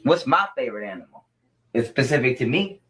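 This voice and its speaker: Relaxed man answering interview questions. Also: medium pitch, a little fast, distant mic. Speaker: interview guest. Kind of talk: casual live interview.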